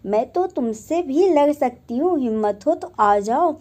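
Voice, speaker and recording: A woman's voice: high voice, lively intonation, unhurried, mellow. A woman voicing a boastful, cheeky little female fly in a storybook reading, taunting in a raised voice. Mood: defiant.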